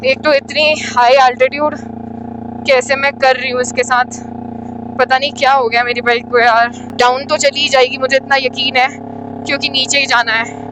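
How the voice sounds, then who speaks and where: A woman with a high voice chats casually as she rides a motorbike outdoors on a mountain road. She thinks out loud and calls everyone brother, with faint engine noise behind her. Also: level tone, normal speed. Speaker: motorcycle vlogger. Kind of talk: casual chat while riding.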